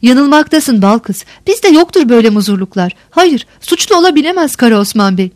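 Woman reading as a sharp young woman pushing for answers, dry close sound. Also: high voice, very animated, a little fast, dry recording. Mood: insistent. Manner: probing, insistent. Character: shrewd young woman, persistent questioner.

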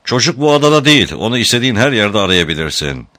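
A man voicing a scornful, cruel male captive who answers in quick, mocking lines, pitched well above his narration. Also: very animated, fairly bright tone, no echo, studio quality.

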